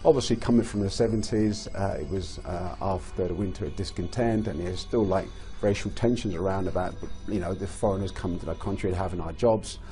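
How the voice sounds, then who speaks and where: A former footballer talks in a low, mellow voice, frank and halting in places. Faint music sits under his interview. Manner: frank, with frequent hesitations. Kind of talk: documentary interview.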